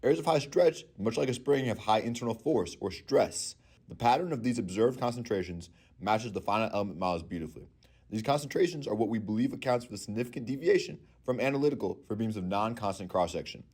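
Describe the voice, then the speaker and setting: A young man narrating a scripted engineering lesson in a clear, methodical way. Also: fairly low pitch, lively intonation, fast talker, a little mellow. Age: young adult. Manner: clear, methodical technical explaining. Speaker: student engineering presenter.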